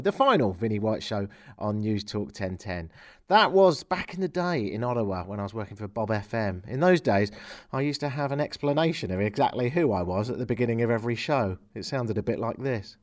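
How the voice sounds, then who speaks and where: A man's voice: medium pitch, lively intonation, fairly quick. A middle-aged man from England hosting a farewell radio show, talking with dry, self-mocking humor and a taste for ranting. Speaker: radio host.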